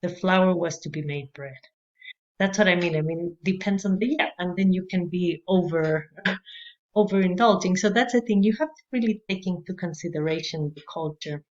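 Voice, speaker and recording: A woman's voice: fairly low pitch, normal speed, darkish tone, highs cut off. A woman from Chile, giving a conversational class lecture on early childhood education, dotted with "you know" and light laughs.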